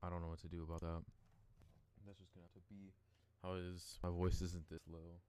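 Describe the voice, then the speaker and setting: A man streaming live and reacting to a debate, whose voice comes out pitched down and deeper than his natural one. He rambles casually and hedges with lots of fillers. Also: little pitch movement, fairly quick, mellow, clean tone. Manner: rambling, hedging, with many fillers. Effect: voice sounds pitched down, deeper than his natural voice.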